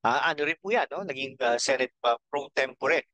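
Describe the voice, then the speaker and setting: A middle-aged man with a Filipino accent runs his own channel of casual political commentary, wandering slowly and haltingly through his points with fillers, a "no?" tagged onto nearly every phrase, and the occasional throat clear. His mid-pitched voice has a bright, forceful tone. The recording is dry, close and lo-fi.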